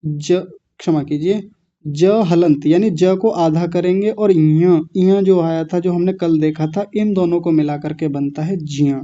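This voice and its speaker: A man's voice: fairly high pitch, fairly even intonation, a little slow, warm tone. A man teaching pronunciation in an online class, breaking words into syllables and correcting students patiently. The audio comes through a slightly muffled online microphone.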